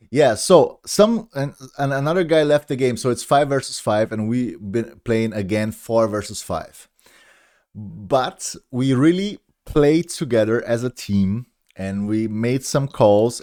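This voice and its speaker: Chatting loosely with his stream viewers, this man in his thirties speaks English with a German accent. He rambles, keeps starting over, and laughs at himself, in a medium-pitched, slightly mellow voice.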